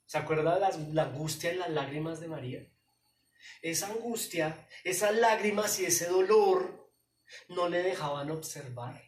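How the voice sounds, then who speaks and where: A man preaching a sermon as pastor, emphatic and pleading, speaking straight to his listeners. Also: a little high. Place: church hall. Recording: echoey hall, voice from far off.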